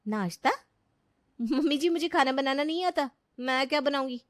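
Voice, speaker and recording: A high, shrill spoiled young bride from a cartoon story, voiced by a woman, who keeps whining and demanding. The voice sits well above an ordinary speaking pitch. It is recorded dry and close, with no room sound. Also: moderate pace, no room sound, close to an everyday voice. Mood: whiny complaining. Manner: shrill and complaining. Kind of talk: cartoon voice acting.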